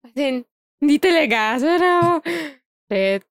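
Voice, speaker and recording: A young woman with a high voice tells a story in casual chat, laughing often and acting out the lines of the people she quotes. Her voice is recorded close and dry, with almost no room sound. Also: moderate pace, no echo. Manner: animated, laughs often, acts out quoted dialogue.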